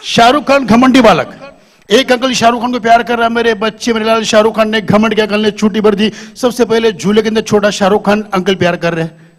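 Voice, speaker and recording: A man's voice: high-pitched, steady tone, brisk. A man doing live stand-up comedy on a stage, talking to the audience into a handheld microphone and quizzing them.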